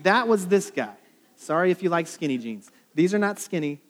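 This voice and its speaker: A man preaching in a loose, chatty way, joking with his listeners and checking in with "right?" as he goes. His voice sits a little higher than most men's, and he speaks from a church hall. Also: animated, normal speed. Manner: conversational and joking, often asking "right?". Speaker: pastor. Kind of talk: sermon.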